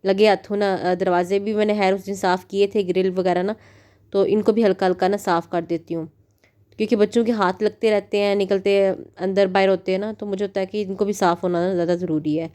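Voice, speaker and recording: A woman's voice: medium pitch, steady tone, brisk, warm tone. A woman in her thirties from Pakistan, a mother narrating her home routine in a chatty vlog voice-over with many fillers. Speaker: vlogger, mother.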